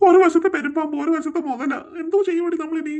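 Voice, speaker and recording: A woman's voice: high voice, little pitch movement, fast talker, dark tone, natural voice. A woman voicing a cartoon father, a policeman who panics easily. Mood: alarmed. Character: grown man, father, a policeman, easily scared. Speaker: cartoon character.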